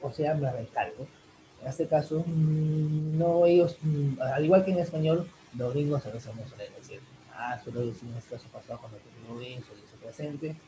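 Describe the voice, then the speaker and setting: A man teaching an online English class in Spanish, answering a student's question in a rambling way with many fillers, addressing the students warmly as "chicos". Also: a little high, normal speed, a little hiss or hum, rough recording. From Peru. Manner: rambling, full of fillers like "en este caso" and "chicos".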